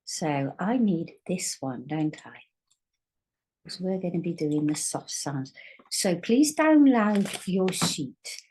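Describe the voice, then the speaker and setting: A woman's voice: on the low side, expressive, takes it slowly, dark tone, husky, low-quality recording. A woman teaching a recorded phonics lesson, patiently sounding out letters again and again. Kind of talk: recorded online spelling lesson.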